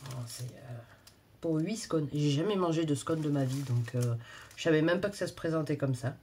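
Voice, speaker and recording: A woman's voice: deep voice, normal speed, dark tone, a little hiss or hum. A woman chatting casually while unboxing books and reading back-cover blurbs, often breaking into exclamations. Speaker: book vlogger.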